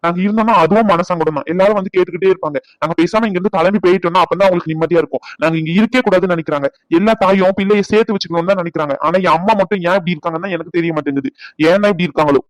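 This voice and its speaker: A man plays an indignant cartoon son defending his wife, his lines racing out at a very fast clip. The voice sits fairly high for a man and is recorded dry and close. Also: no room sound, natural voice, rough recording. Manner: indignant, rapid arguing. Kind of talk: cartoon family-drama voice acting.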